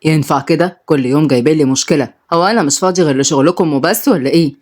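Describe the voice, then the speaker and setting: A woman with an Egyptian accent voicing a stern, short-tempered widowed father who is a minister, in a gruff lowered tone. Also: very fast, a little mellow.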